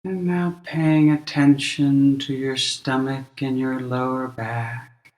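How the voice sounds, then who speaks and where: A male meditation teacher guides a session gently, in a measured, instructional manner with long pauses. His mid-range voice shows little pitch movement, and the room is echoey.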